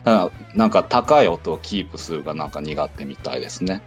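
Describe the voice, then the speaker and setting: A man's voice: rumbling low, lively intonation, fast, soft background music. A man who teaches Japanese in the United States, patiently explaining things in a casual online audio chat.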